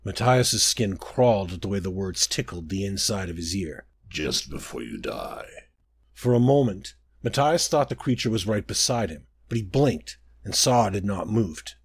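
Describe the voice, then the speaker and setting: A man's voice: on the low side, expressive, moderate pace, hardly any pauses, breathy edge, no echo. A man narrating a scripted fantasy adventure story.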